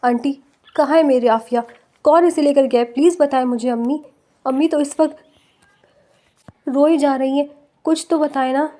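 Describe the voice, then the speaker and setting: A woman's voice: high-pitched, steady tone, long pauses, mellow, lightly acted. A woman voicing a worried, protective young husband who questions anxiously in an audio novel. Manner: anxious, earnest.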